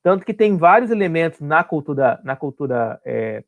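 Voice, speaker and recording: A man's voice: fairly high pitch, big pitch swings, normal speed, vocal fry, narrow, tinny audio. A man teaching an online class, explaining step by step and often checking that his students follow.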